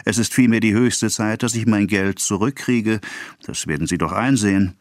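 A man's voice: fairly low pitch, moderate pace, no room sound, clean studio sound, voice pushed up, natural voice. A man reading the part of a scheming, mocking merchant who pressures a debtor. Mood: sneering. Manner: sneering, mocking. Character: scheming mocking male merchant, cold and sneering.

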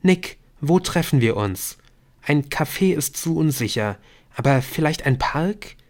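A man reading an audiobook, voicing a quick-witted teenage girl with a dry, deadpan manner. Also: fairly high pitch, voice pushed up. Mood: determined.

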